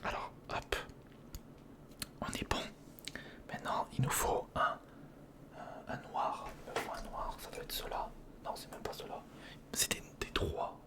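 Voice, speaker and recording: Whispering at a measured pace with long pauses, a man hosts a casual, improvised ASMR build-along. He mutters hesitantly to himself and chats to the viewer, his voice breathy and mostly voiceless.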